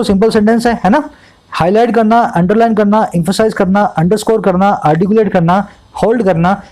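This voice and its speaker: A man with a high-pitched voice teaches English vocabulary and grammar from a newspaper editorial. He explains in Hindi, scattering English terms throughout, and reads the English sentences slowly, one word at a time. He keeps asking his students whether they have understood. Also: dark tone, poor audio. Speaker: English tutor.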